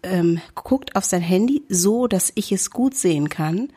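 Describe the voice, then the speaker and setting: A woman chatting casually, telling an anecdote and acting out shouted quotes. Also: lowish voice, unhurried, breathy edge. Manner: animated storyteller, acts out shouted quotes.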